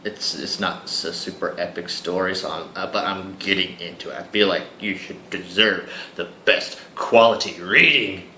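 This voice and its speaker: A man's voice: low voice, moderate pace, echoey room, a little hiss or hum, low-quality recording. A man hosting a let's play, reading a visual novel aloud and chatting with viewers between lines. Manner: chatty, animated, asides to viewers. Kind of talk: casual game commentary with dramatic reading.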